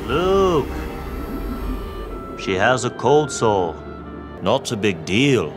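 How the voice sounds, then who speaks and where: Slow, gossipy old ghost mentor. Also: male voice, mid-range voice, big pitch swings, over music. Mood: gently nagging. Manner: unhurried, mock-wise. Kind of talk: sketch comedy impression.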